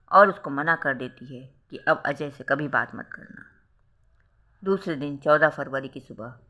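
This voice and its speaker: A storyteller reads aloud a romantic drama they wrote themselves, performing every role melodramatically as scripted narration. The voice is medium-pitched, bright, and forceful.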